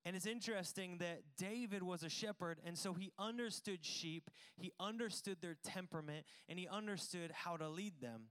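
Preaching to his congregation during a church service, this pastor keeps things casual and self-deprecating, cracking jokes in a conversational sermon. He speaks at normal speed with hardly any pauses, in a high, clear, resonant voice that's a bit bright.

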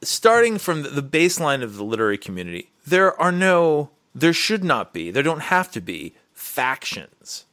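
A man's voice: fairly high pitch, big pitch swings, moderate pace, few pauses, a bit bright. A man who teaches writing, talking in a casual podcast chat. He rambles through his points with many restarts. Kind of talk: casual conversation.

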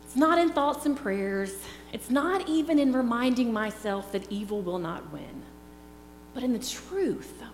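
A woman's voice: a little high, expressive. A middle-aged woman preaching a sermon in an earnest, reflective way. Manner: slow, earnest, reflective delivery. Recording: echoey hall with faint hum.

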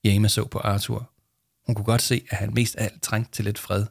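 A man narrating a children's storybook aloud in a calm storytelling manner. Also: fairly low pitch, vocal fry, no echo, clean studio sound. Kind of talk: storybook reading.

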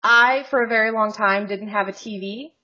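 A woman's voice: mid-range voice, steady tone, moderate pace, pushed and bright, lo-fi sound. A woman co-hosting a podcast in casual chat, joking and rambling with frequent laughs, over a video call. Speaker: podcast co-host.

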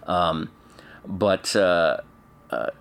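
Man, 40s, from Canada; low, reflective interview guest who hesitates and restarts a lot. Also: expressive, very slow, gravelly, a bit bright, clear, resonant tone. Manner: thoughtful, hesitant, many fillers and restarts.

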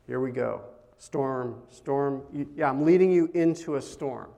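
A middle-aged man giving a conversational sermon as a pastor, telling stories in a casual, animated way with big swings in loudness. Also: mid-range voice, measured pace, vocal fry.

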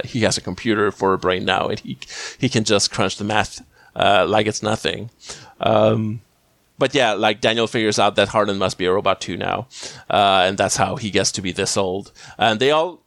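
A man's voice: lowish voice, a bit bright, no room sound. Rambling man recapping an episode. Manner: rambling, many fillers and restarts, frequent laughs. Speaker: podcast co-host.

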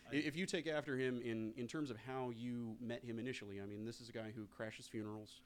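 A man's voice: mid-range voice, steady tone, fairly quick. A man in his thirties interviewing casually, deferential and wordy, often feeling his way through a question. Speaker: interviewer, convention Q and A host.

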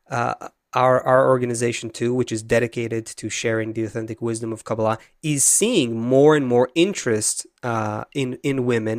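A man teaching as an interview guest, earnest and halting, often restarting his sentences. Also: medium pitch, no room sound, clean studio sound. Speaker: Kabbalah teacher. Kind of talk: explanatory interview answers.

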